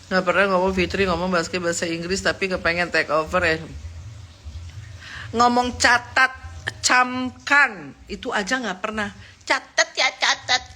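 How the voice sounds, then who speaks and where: A woman's voice: fairly even intonation, normal speed, bright, forceful tone. A woman chatting on a live stream, gossiping in a mocking tone and laughing often. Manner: mocking, laughs often, mimics others in a squeaky voice.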